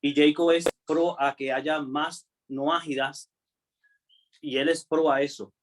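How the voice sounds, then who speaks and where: A man's voice: fairly high pitch, steady tone, takes it slowly, background noise. A man in an online class who makes a brief comment and politely apologizes for taking up time. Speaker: student in the class.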